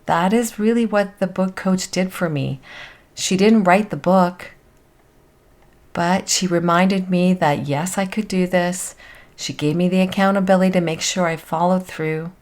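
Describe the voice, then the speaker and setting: A woman's voice: on the low side, fairly even intonation, measured pace, a little mellow. A woman hosting a motivational self-help podcast, talking in an encouraging, earnest, conversational way like a self-help influencer and life coach.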